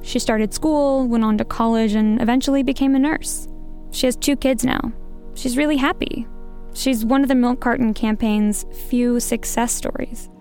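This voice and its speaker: A woman's voice: on the high side, fairly even intonation, moderate pace, darkish tone, soft background music. A woman reporting on a podcast in scripted documentary narration.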